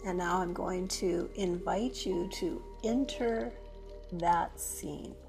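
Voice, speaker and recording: Over music, a woman with a rather low, gravelly voice leads a guided meditation as a yoga teacher. She speaks softly and slowly, pausing between phrases.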